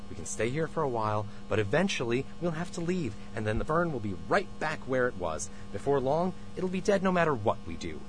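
A man's voice: mid-range voice, very animated, fairly quick, few pauses, over music, close to an everyday voice. An actor playing a middle-aged, weary, sarcastic father with a theatrical, grandiose manner in an audio drama. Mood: defensive, agitated. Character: weary sarcastic father who boasts of slaying a dragon. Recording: noisy, humming amateur recording.

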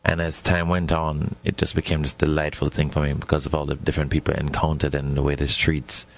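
A Jamaican man with an extremely deep, low voice, speaking in a radio interview. He tells his stories in a reflective, unhurried way, like a scholar who is turning a thought over as he talks. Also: level tone, a little hiss or hum. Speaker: guest scholar.

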